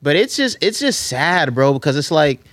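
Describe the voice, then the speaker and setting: A man's voice: a little high, big pitch swings, normal speed, a bit bright, no room sound. A man hosting a casual podcast chat, talking in slang and driving points home with repeated rhetorical questions. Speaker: podcast host.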